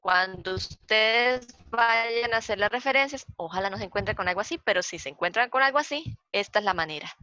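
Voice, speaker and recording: Bright-voiced Costa Rican woman teaching. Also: medium pitch, lively intonation, dry recording. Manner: patient, repeats points, counts aloud slowly. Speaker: librarian giving a citation workshop. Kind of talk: explaining slides in a training session. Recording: dull, dry lo-fi sound.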